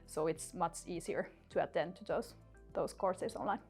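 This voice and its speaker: A woman's voice: on the low side, normal speed. A woman working in HR, speaking hesitantly in a corporate interview with fillers and restarts. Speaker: HR staff. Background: soft music.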